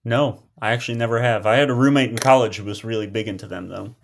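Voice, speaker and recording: A man's voice: lowish voice, fairly even intonation, quick pace, creaky, a little hiss or hum. A man in his twenties with a slight lisp, chatting casually and ramblingly as a podcast co-host. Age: 20s. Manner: rambling, full of restarts and fillers. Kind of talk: casual chat.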